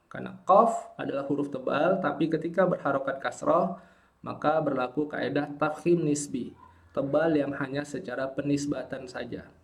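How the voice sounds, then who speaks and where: A man's voice: a little high, moderate pace, vocal fry. A man teaching Quran pronunciation, patiently modelling syllables again and again. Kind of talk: pronunciation lesson.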